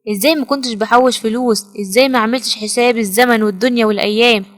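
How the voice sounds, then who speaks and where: A fed-up young woman with a sharp, exasperated edge, speaking Egyptian Arabic, as voiced by a woman narrator. Her voice sits a bit high and moves at a very fast pace. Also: fairly even intonation, close to an everyday voice. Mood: muttering.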